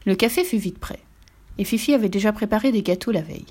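A woman reading a children's story aloud with gentle, expressive narration. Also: mid-range voice, fast talker.

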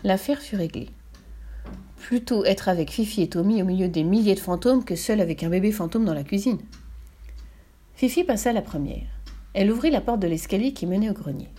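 A woman narrating a children's story aloud in an expressive, animated reading. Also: medium pitch, a little fast, breathy edge.

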